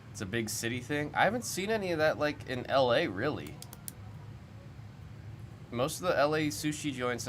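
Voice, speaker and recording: Slight background noise and music accompany this young man as he hosts a card-break livestream and muses over what viewers are commenting. His voice is lowish and a bit bright.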